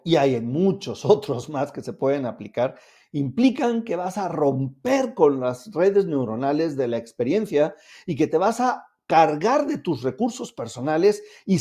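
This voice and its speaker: A man's voice: a little high, dark tone. A man giving a self-help lesson to camera, explaining steps directly to the viewer in an upbeat, coaxing way. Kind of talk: instructional talk to camera.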